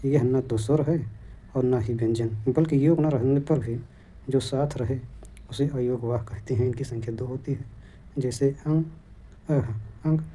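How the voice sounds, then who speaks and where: A male teacher giving an exam-prep grammar lesson, listing terms in a steady, dictation-like way. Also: mid-range voice, a little slow, a little hiss or hum.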